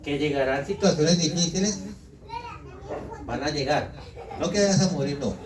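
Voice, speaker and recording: A man with a Colombian accent preaching a lively sermon, asking the congregation questions and acting out quotes. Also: fairly high pitch, normal speed, background noise. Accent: Colombian Spanish. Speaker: visiting pastor. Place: church hall. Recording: echoey hall, mic far off, congregation audible.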